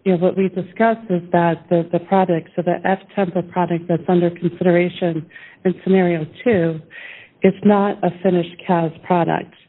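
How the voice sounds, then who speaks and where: A woman's voice: fairly low pitch, little pitch movement, moderate pace. A woman speaking as a plaintiff's attorney, making a conversational legal argument in court. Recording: thin phone-like courtroom audio.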